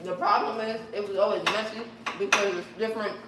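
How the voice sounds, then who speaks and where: A woman's voice: mid-range voice, fairly even intonation, fairly quick. Young woman on a family livestream, laughs a lot, asking questions, sounds far off in a super echoey room. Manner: laughs often, asks questions, eating while talking. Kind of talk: casual livestream Q&A chat. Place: home kitchen. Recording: very echoey, distant, loud background noise.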